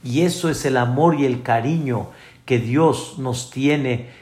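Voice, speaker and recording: A man giving a sermon as a rabbi, explaining slowly and speaking straight to his listeners. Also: mid-range voice. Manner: slow, explaining, addresses listeners directly. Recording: echoey room.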